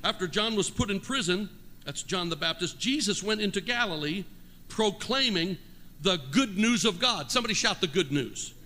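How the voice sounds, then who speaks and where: An older pastor preaches to his congregation in a church sanctuary, his high, bright voice forceful and lively in intonation at a normal speed. He moves between homely stories and fervent appeals, calling out for answers as his fervor rises. The live church sound carries a long hall reverb.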